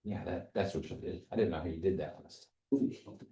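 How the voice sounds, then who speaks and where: A man's voice: low-pitched, a little fast, vocal fry, dark tone. A man teaching a language class in a casual, conversational way. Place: indoor classroom. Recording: echoey room.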